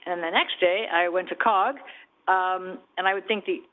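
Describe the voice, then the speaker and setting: A man's voice: high-pitched, fairly even intonation, moderate pace. A man chairing a city council meeting, giving his report with joking, teasing asides. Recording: tinny phone-like broadcast audio.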